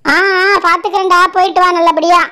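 A woman's voice: very high-pitched, flat delivery, fast talker, sharp tone. A woman voicing a bossy, grumbling village grandmother in a doll show. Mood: weary. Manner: scolding, complaining village Tamil.

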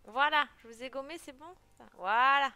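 A woman's voice: sits high, normal speed, pushed and bright. A woman giggling and chatting casually as she comments on her game, now and then meowing playfully. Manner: giggly, chatty, exclaims often; plays with cute meows. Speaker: let's play gamer.

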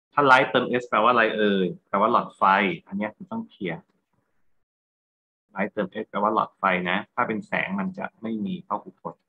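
A man's voice: on the low side, bright, forceful tone, slightly rough, dull audio. A Thai-accented man teaching English grammar in a lecture, going through exam answers and checking understanding with rhetorical questions.

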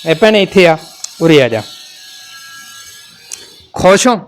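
A man's voice: a little high, sing-song, slow, slight background noise. A man who hosts and reports on location, talking earnestly to camera and to a family he visits. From Punjab. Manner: consoling, earnest, talks to camera. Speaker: reporter host.

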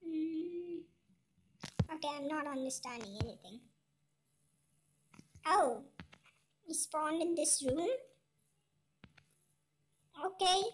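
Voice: lively intonation, slow pace, pauses often, fairly bright tone. A gaming channel host talking through a puzzle game in a chipmunk voice effect, chatty and often asking "okay?". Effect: chipmunk voice, sped-up high-pitched filter. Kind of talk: casual let's-play commentary.

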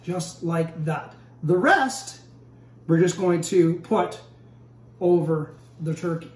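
A man's voice: fairly high pitch, slow pace, far from the mic. A middle-aged man hosting a home cooking show, walking through a recipe step by step in an easygoing way and often asking "okay?" while he works in his kitchen. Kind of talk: casual cooking demonstration. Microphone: camera mic at a distance. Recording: echoey kitchen, voice from off-mic.

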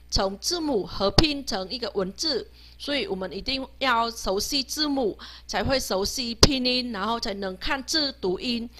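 A woman with a fairly high, bright, forward voice leads a beginner language lesson. She works patiently, sounding out each letter slowly, three times over. She tags her phrases with a soft "ha". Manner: ends phrases with a soft "ha" tag. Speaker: Vietnamese language teacher.

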